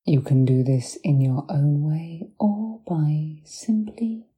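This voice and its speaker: Female hypnotherapist for guided relaxation: deeply mellow, soft and breathy, half-whispered, very unhurried and soothing. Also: expressive, soft background music. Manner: soothing, deliberate, long pauses between short phrases.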